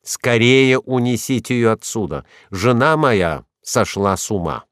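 A man voicing a stern, forceful wealthy husband who barks orders in a hoarse, commanding shout. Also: mid-range voice, animated, measured pace, no room sound, studio quality. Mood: angry.

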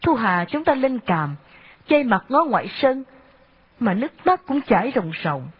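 A woman narrating a novel in a steady storytelling manner. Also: fairly high pitch, a little slow, husky. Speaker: audiobook narrator. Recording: dull lo-fi audio.

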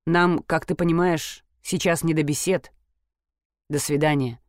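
A gruff, rude man, as a woman reader puts him on, clipped and brushing people off, pushed lower and quieter than her narrating voice. Dry and close, like a storybook reading. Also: fairly even intonation, measured pace, no room sound. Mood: curt. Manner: curt and rude.

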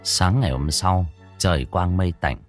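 A man, telling a village tale in a lively, folksy way. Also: deep voice, moderate pace, soft background music. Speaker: storyteller. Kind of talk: audiobook narration.

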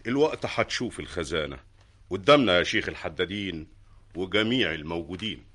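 A man's voice: deep voice, lively intonation, fast talker, a bit bright. A man playing a solemn, cautious court official devoted to old tradition, ceremonious and deferential, in radio drama style with an Egyptian accent. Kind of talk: theatrical period radio drama acting.

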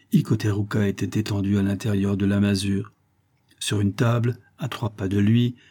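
A man reads a detective story aloud in a measured, steady storytelling manner. His voice is low and husky, with a dark, mellow color. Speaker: narrator. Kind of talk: audiobook reading of a detective story.

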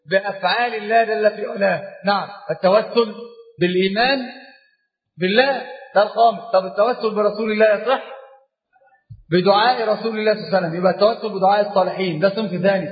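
A man with an Egyptian accent teaching a religious class, questioning his students and mixing formal Arabic with colloquial asides. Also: high voice. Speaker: Islamic scholar teaching a class. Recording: reverberant hall, dull lo-fi sound.

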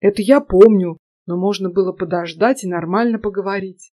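Brief: ironic young guy student, read by a woman, mellow dry tone. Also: medium pitch, a little fast, dry recording, natural voice. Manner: ironic, indignant. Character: sarcastic young male student, first-person hero.

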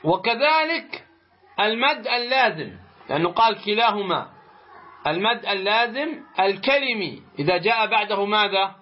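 A man teaching a tajweed lesson, explaining slowly and deliberately, pausing to pose rhetorical questions to his students. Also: high voice, lively intonation. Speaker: Quran recitation teacher. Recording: muffled lo-fi recording.

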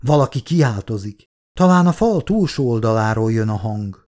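A man voicing a tense young woman explorer, speaking quietly in a hushed voice. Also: mid-range voice, animated, lightly acted. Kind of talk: audiobook character voice.

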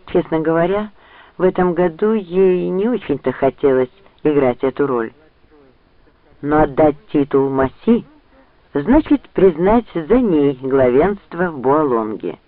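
A man narrating an audiobook in an expressive reading style. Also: a little high, unhurried, dry recording. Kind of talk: scripted narration. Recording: dry, tinny phone-like sound.

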